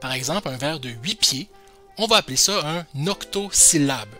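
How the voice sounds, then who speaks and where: A man's voice: on the high side, expressive, moderate pace, pushed and bright, faint music behind. A man teaching poetry basics in a chatty, self-deprecating, joking way. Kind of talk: casual explanatory lesson.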